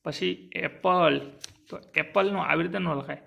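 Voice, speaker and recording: Gravelly-voiced man teaching grammar. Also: on the high side, a bit bright. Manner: stretches sounds out slowly, asks and answers own questions. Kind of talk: exam-prep grammar lesson.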